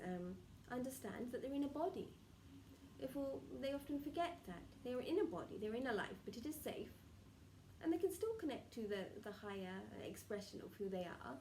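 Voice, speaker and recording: A woman speaking as a seance medium in trance, voicing benevolent spirit guides with formal, halting, stilted phrasing and murmured pauses. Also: a little high, mellow, close to an everyday voice. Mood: gentle, instructive. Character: solemn benevolent collective of spirit guides advising a client. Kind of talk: seance medium channelling, improvised spiritual counsel. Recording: roomy, distant mic with faint noise.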